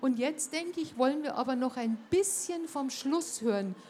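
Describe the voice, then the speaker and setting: A woman's voice: high-pitched, moderate pace, mellow, a little hiss or hum. A woman hosting a show, talking to her listeners with emphatic, direct appeals. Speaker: host. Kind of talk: enthusiastic spoken address.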